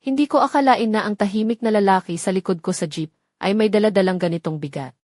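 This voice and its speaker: A woman's voice: mid-range voice, fast, darkish tone, no echo, studio quality. A woman narrating a dramatic first-person story from a script in a heartfelt, emotional way.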